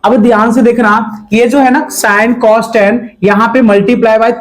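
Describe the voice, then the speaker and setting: A man's voice: extremely high pitch, fairly even intonation, slow pace, rough recording. A man teaching a math class. He asks the students questions, answers them himself and repeats the key words. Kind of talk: classroom lecture.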